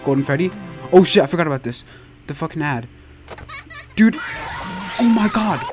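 A man's voice: fairly high pitch, animated, normal speed, faint music behind. A young man giving casual let's play commentary as a game streamer, flustered and exasperated, swearing often. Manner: frequent profanity.

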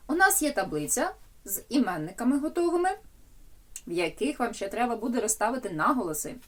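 Woman teaching English with a lively voice. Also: mid-range voice. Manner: explains in Ukrainian, reads English examples slowly. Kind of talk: recorded language lecture.

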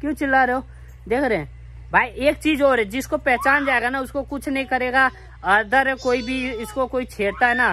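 The speaker, a vlogger who keeps a pet monkey, addresses his viewers directly in a plain, repetitive, casual chat outdoors at home. His voice is very high and sharp, with a little hiss or hum in the audio.

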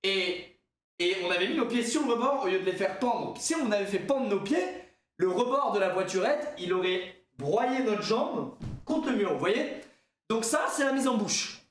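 A young man tells a story to his viewers, animated and full of fillers. His voice sits fairly high. The recording has a noticeable room echo. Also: moderate pace. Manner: animated, lively anecdote with frequent fillers. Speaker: streamer.

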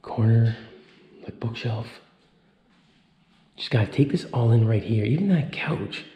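A man's voice: medium pitch, expressive, a little slow, dull audio. A man in his thirties vlogging a walkthrough of an empty mansion, filming himself with a handheld camera at arm's length and thinking aloud with awed exclamations. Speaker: urban explorer vlogger. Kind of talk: casual walkthrough vlog. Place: large empty indoor mansion rooms. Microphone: handheld action camera at arm's length.

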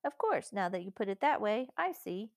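A woman voicing an eager, take-charge eldest brother, brisk and earnest, in a storybook reading. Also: medium pitch, very animated, creaky, dry recording, studio quality. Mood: reproachful. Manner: brisk, earnest, well-spoken.

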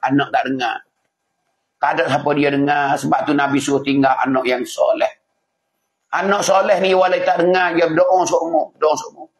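A man's voice: fairly high pitch, little pitch movement, moderate pace. A man with a Patani Malay accent preaching an emotive sermon, repeating phrases and acting out scenes. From southern Thailand. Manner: emotive, repetitive, acts out scenes. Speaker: religious preacher.

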